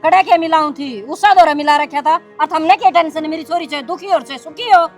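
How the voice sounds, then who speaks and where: A woman's voice: high-pitched, fairly quick, soft background music. An actress playing a defensive, scolding middle-aged mother, speaking with a Haryanvi accent. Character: doting, sharp-tongued mother of a married daughter.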